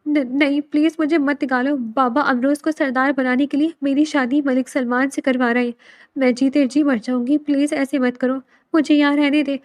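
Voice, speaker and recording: Desperate young woman, tearful and pleading, high voice, read by a woman narrator. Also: steady tone, darkish tone, no room sound, lightly acted.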